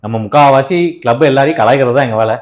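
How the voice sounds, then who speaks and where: A man co-hosting a football troll comedy channel in an animated, joking way. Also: mid-range voice, fast. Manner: animated, doing many excited voices.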